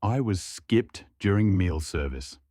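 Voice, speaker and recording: A man voicing a young woman passenger who speaks politely and grows frightened, raising his voice high for her. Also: animated, takes it slowly, no room sound, clean studio sound, full character voice. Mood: polite, panicked. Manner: polite, rising to frightened shouts.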